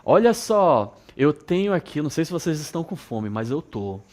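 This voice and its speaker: A man from northern Brazil with a regional accent, teaching an English lesson to students and repeating words slowly with frequent check-ins. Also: fairly high pitch, sing-song, a little mellow. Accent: northern Brazilian Portuguese. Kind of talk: televised school lesson.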